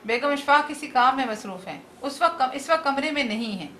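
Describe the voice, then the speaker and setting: A woman's voice: high-pitched, animated, fairly quick, sharp tone, slight background noise. A woman reading the part of an ailing, irritable husband in a comic play, with fretful, groaning lines. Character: ailing irritable husband, middle-aged man, complaining.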